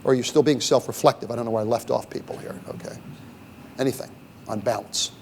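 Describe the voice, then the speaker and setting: In a university event room, a middle-aged man gives a leadership talk at a symposium, speaking fast in a medium-pitched, creaky, darkish voice. The recording has a long reverb tail and a little hiss or hum. Conversational in style, he tosses rhetorical questions at listeners and often asks "okay?" or "right?".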